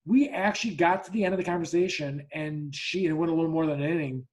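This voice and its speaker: A man's voice: on the high side, quick pace. A man hosting a casual podcast chat, telling a story bluntly with lots of restarts and acting out both sides of the dialogue, swearing freely. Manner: talks in repeated restarts and acts out both sides of quoted dialogue. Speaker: podcast host.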